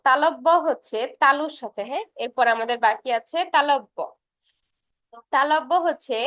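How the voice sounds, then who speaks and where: A young woman tutors for university admission exams in a casual lesson, patiently repeating terms and sketching while she explains. Her voice is on the high side, and there is no echo.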